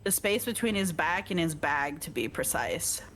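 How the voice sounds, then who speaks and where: A woman's voice: deep voice, animated, normal speed, fairly bright tone, slight background noise. Woman reading a game's text aloud. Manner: reads text evenly, breaks off to joke and laugh. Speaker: streamer reading a visual novel aloud. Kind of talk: let's-play narration with casual asides.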